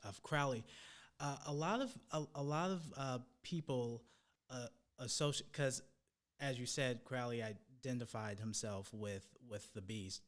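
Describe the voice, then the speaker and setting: A man hosting a podcast who asks long questions with many pauses, fillers and restarts. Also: medium pitch. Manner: hesitant, lots of fillers and restarts. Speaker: podcast host. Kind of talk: casual interview questions.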